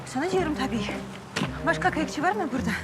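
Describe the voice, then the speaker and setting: A brisk, impatient woman in a period drama. Her high voice moves in lively swoops over loud music. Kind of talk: Ottoman period drama acting.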